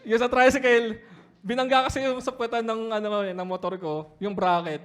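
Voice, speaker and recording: A man, a pastor telling a personal story in a sermon, moving between hushed reflection and loud, laughing retelling. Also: extremely high pitch, steady tone, brisk, clear, resonant tone.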